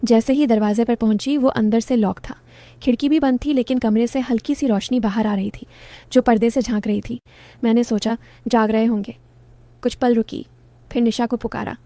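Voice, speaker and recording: A woman narrating a romantic family story in the first person, calm and even. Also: a little high, moderate pace, no room sound.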